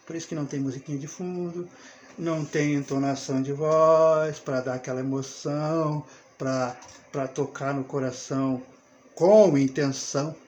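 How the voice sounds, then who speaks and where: A man with a Brazilian Portuguese accent teaching the Bible in a relaxed, conversational way, often checking in with his listeners and chuckling as he talks. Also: on the high side, moderate pace. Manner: chatty, with rhetorical check-ins and frequent chuckles. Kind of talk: informal conversational Bible talk.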